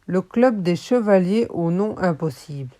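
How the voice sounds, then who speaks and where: A woman playing a defiant, loud schoolboy. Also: lowish voice, expressive, unhurried. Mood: cheeky. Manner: loud and firm. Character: bold new schoolboy, defiant and self-assured. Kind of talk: children's audiobook reading.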